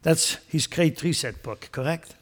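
A man preaches in a fairly high voice. He leans hard on key phrases, then drops to quiet asides and chuckles at his own jokes. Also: a little slow. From Switzerland. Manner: emphatic, swings between loud stressed phrases and quiet asides. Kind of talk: sermon.

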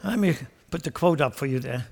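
A man preaches in a fairly high voice. He leans hard on key phrases, then drops to quiet asides and chuckles at his own jokes. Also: expressive, a little fast, creaky. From Switzerland. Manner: emphatic, swings between loud stressed phrases and quiet asides. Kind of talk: sermon.

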